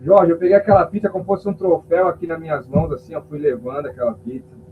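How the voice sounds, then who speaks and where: A male pastor with a slightly high, steady voice talks fast as he shares an emotional testimony in a podcast interview, acting out the voices of people in his story. The audio sounds tinny and phone-like, with a faint hum.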